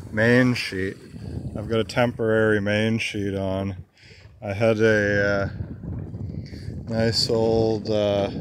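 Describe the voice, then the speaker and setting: A man narrating casually while sailing a small boat, talking in an unhurried way with many filler pauses, recorded outdoors at sea on a boat-mounted camera. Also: lowish voice. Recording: wind and water noise outdoors. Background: wind and water noise.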